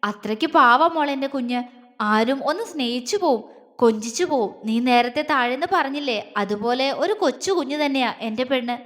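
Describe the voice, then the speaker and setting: A woman's voice: high-pitched, fairly quick, hardly any pauses, a bit bright, big-room sound. A woman voicing a young man who talks to his wife tenderly and teases his sister, in a story reading. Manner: tender and affectionate, mock stern. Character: tender, teasing young husband.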